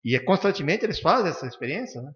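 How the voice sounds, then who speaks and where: Fast-talking man lecturing in a reverberant hall. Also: on the high side. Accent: Brazilian Portuguese, from Curitiba. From Brazil. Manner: animated, acts out dialogues with patients; blunt and firm, frequent "né?" tags. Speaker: spiritist study class teacher. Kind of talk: informal classroom lecture. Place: spiritist center lecture room. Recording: dull lo-fi sound with long hall reverb.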